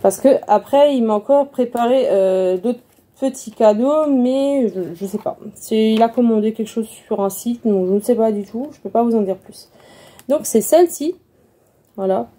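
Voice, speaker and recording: Chatty woman with a very warm voice. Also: a little high, moderate pace. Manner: chatty, repeats words, many fillers. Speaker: beauty vlogger. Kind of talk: casual haul video. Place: room at home.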